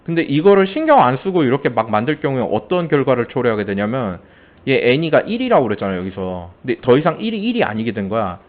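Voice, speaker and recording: A man's voice: medium pitch, very animated, fast talker. A man giving a casual classroom lecture, telling stories and acting out coworkers' lines with lots of animation. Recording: tinny phone-like sound.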